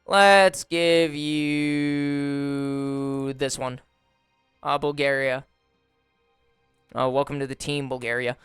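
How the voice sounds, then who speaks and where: A young man giving relaxed, wry commentary on a strategy game simulation, with frequent fillers, recorded close on a desk mic at home. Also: a little high, slow, pauses often, clean tone, dry recording. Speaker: gaming YouTuber. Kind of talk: casual gameplay commentary. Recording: dry close voice over faint music. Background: faint background music.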